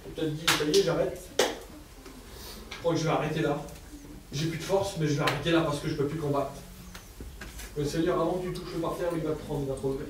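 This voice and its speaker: A man's voice: fairly high pitch, fairly even intonation, a little fast, long pauses, noisy background. A man preaching a heartfelt testimony sermon at a church service, with a stammer and simple, fervent speech. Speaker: lay preacher. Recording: distant echoey church hall sound.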